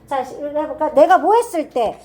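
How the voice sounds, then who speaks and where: A woman teaching English grammar to a classroom of students, firing quick check-in questions and reading example sentences slowly and deliberately. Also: high voice, animated, darkish tone. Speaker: English teacher at a cram school.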